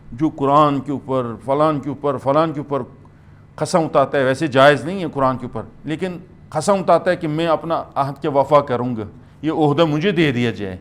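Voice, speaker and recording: A middle-aged man delivers a scripture commentary to a gathered audience. His voice sits a little high for a man, and he speaks with emphasis, stopping often to check in with his listeners before pressing on. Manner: emphatic, asks "hm?" and "theek hai" to the listeners. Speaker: mufti giving Quran commentary. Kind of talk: lecture-style Quran commentary to a gathering.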